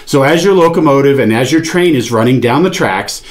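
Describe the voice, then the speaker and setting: Speaking a little fast in an expressive mid-range voice, a forties-aged man demonstrates a product and explains each step. He's seated at a table in a small indoor studio with a padded panel wall.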